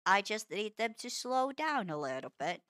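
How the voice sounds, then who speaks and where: A woman streamer giving casual gameplay commentary, musing aloud in a soft, self-mocking way and often tripping over and repeating her words. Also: medium pitch, sing-song, normal speed, no echo, studio quality.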